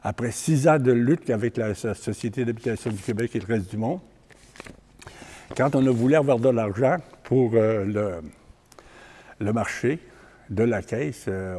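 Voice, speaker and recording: Older man, Québécois accent, community talk; stop-start, repeats himself, warm low-key timbre. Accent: Québécois French. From Quebec. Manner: halting, repeats words, plain-spoken. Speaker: community organizer giving a talk. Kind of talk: public talk with personal stories.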